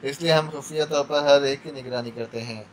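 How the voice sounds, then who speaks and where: A man's voice: medium pitch, steady tone, brisk, a little hiss or hum, close to an everyday voice. A man voicing a wounded male captive under torture, stammering and pleading for mercy. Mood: shaken confession.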